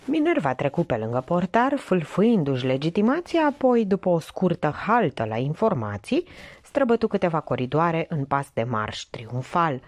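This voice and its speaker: A woman narrating an audiobook with an expressive, lively reading. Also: sits low. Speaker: audiobook reader.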